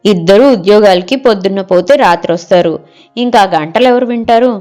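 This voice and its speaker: A woman's voice: medium pitch, a little fast, warm tone, faint music behind, close to an everyday voice. A woman reading the part of a picky middle-aged wife in an audio story, scolding and rejecting every suggestion.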